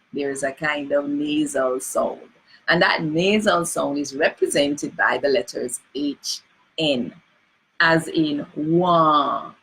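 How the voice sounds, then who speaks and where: A woman's voice: low voice, fairly bright tone, breathy edge, low-quality recording. A woman with a Jamaican accent presenting a lesson on reading Jamaican spelling, patiently drawing out example sounds and checking in with her listeners. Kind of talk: spoken lesson on pronunciation.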